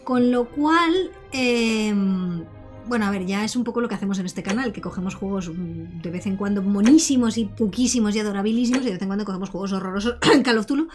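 A woman's voice: mid-range voice, brisk, faint music behind. A woman with an accent from Spain giving joking, sarcastic game commentary as a let's play streamer.

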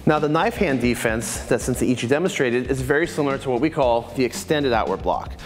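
A man's voice: mid-range voice, expressive, brisk, soft background music. Man explaining martial arts blocks in a reverberant dojo. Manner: explanatory, methodical. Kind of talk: instructional commentary. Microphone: lapel mic, medium camera shot.

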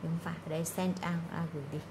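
A woman teacher with a fairly low voice walks through the answers of an English exam one by one, pausing often to check that her students follow. A faint room hum sits under her voice. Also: little pitch movement. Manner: explanatory, frequent "đúng không?" check-ins.

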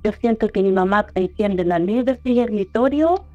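A woman with a Chilean accent recounting a personal experience in a rambling, halting way, often repeating and restarting her words. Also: mid-range voice, darkish tone, no room sound. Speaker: storyteller guest. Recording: muffled lo-fi audio with faint music.

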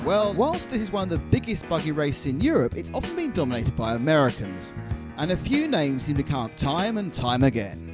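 A man's voice: fairly high pitch, huge pitch swings, brisk. A man presenting a TV motorsport magazine in a cheeky, playful way. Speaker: show presenter. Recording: voice over background music.

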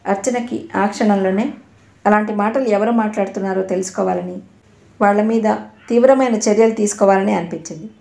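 A woman narrating a novel in a steady, expressive reading style, in an echoey room. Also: medium pitch, creaky. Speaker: audiobook narrator.

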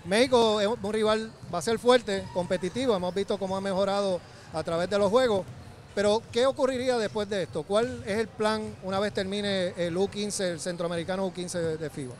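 A man with a Puerto Rican accent hosting a live sports show courtside with a handheld mic, brisk and chatty. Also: high voice, fairly even intonation, a little hiss or hum. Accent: Puerto Rican Spanish. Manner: brisk, chatty, broadcast delivery. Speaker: sports TV host. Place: courtside in an indoor basketball arena. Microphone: handheld microphone.

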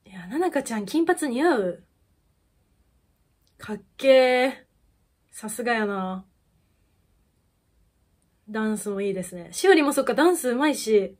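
A young woman chats over a music video in a casual reaction style. Her voice sits fairly high, and she gushes with quick exclamations and bursts of laughter. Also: lively intonation, darkish tone. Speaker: idol fan YouTuber.

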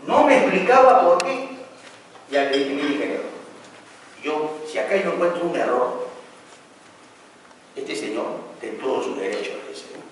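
Animated lecturing man in an echoey hall. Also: on the high side, normal speed, pauses often. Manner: animated storyteller, acts out quarrels. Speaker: construction instructor. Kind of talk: lecture with anecdote. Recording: echoey hall from far off, faint noise.

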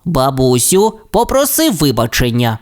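Man doing a young T. rex boy, raised childlike pitch, firm and sensible, storybook tale. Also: huge pitch swings, a little slow, full character voice. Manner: firm, scolding.

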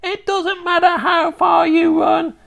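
A storybook reader voicing a sinister, witch-like old grandmother who taunts and threatens in a drawn-out way, slipping into a throaty whisper. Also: animated, vocal fry, heavily acted. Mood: rising, menacing. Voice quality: shrill and cackling, dropping to a throaty whisper. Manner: slow, drawn-out menacing delivery. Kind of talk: storybook reading.

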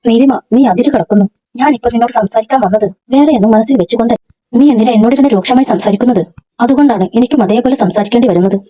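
A woman's voice: fairly high pitch, quick pace, dark tone, close to an everyday voice. A woman reading a sneering, menacing young man. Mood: threatening. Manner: sneering, threatening. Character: arrogant menacing young man harassing a coworker. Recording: dull lo-fi recording.

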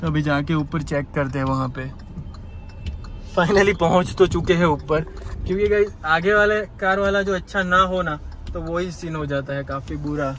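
A man's voice: a little high, moderate pace, fairly bright tone. A young man chatting casually to viewers as he vlogs a trip on a foggy rainy hilltop. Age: young adult. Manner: chatty, addresses viewers as guys. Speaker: travel vlogger. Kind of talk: casual travel vlog. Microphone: handheld phone at arm's length. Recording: outdoor phone recording with clear background noise.

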